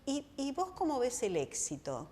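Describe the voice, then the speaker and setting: A woman's voice: high-pitched, wildly swooping pitch, moderate pace, mellow. A woman with a Rioplatense Spanish accent, hosting a conversational interview and speaking in a reflective, affirming way. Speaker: interview host. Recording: long reverb.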